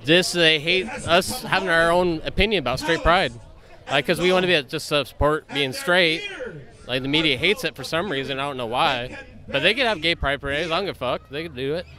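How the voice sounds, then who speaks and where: A young man with a slightly high voice, talking casually and crudely. He sounds a bit far off, with a crowd clearly audible behind him. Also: a little fast.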